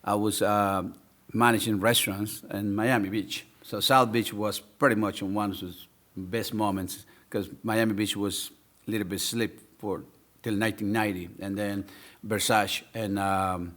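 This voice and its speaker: Man, 50s, enthusiastic storyteller, lowish voice. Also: little pitch movement, normal speed. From El Salvador. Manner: warm, enthusiastic storytelling with many fillers. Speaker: guest business owner. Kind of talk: casual interview.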